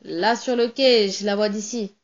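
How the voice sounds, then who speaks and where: A woman voicing a hearty, tipsy male sailor who talks loud and jovial. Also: mid-range voice, steady tone, moderate pace, highs cut off, natural voice. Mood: boisterous.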